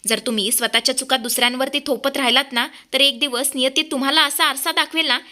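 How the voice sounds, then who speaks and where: A woman playing a sharp, righteous young woman. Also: high-pitched, steady tone, fast. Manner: firm, lecturing, defiant.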